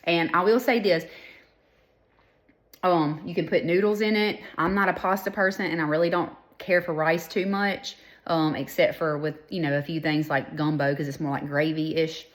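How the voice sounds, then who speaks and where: A middle-aged woman with a drawl talks through her home cooking in a loose, rambling way, full of fillers and asides. Her voice sits low. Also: steady tone, moderate pace. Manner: chatty, rambling, with frequent fillers. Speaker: cooking vlogger and mother. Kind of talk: casual cooking chat.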